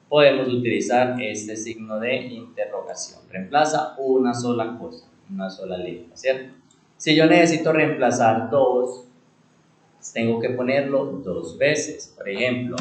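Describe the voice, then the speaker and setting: A man teaches a computer class, posing rhetorical questions and answering them himself, repeating key words and slowing on them for emphasis. His voice is mid-range, the room echoes, and the audio quality is poor.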